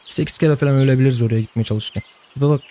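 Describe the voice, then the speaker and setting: A man's voice: mid-range voice, rapid-fire, warm tone, soft background music. Chatty young man narrating gameplay. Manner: chatty, talks to game characters, laughs often. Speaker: gameplay host. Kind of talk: casual let's-play commentary.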